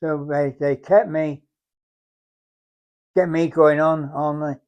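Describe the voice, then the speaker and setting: A very old English man, around a hundred, reminisces as a war veteran. His voice sits a little high for a man, and he talks in a halting, reflective way, circling back over phrases. The recording is somewhat dull and muffled. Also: fairly even intonation, smooth. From England. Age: very old, around 100. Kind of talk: unhurried oral-history reminiscence.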